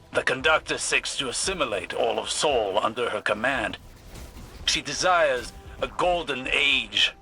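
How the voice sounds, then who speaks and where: An actor playing a solemn, formal scholar-warrior in a video game, speaking in measured sentences. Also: male voice, medium pitch, pushed and bright. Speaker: game character. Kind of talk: video game cutscene dialogue.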